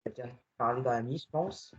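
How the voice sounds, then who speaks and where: A man giving casual gaming commentary while playing with a friend, excitable and swinging between muttering and shouting. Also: medium pitch, brisk, highs cut off.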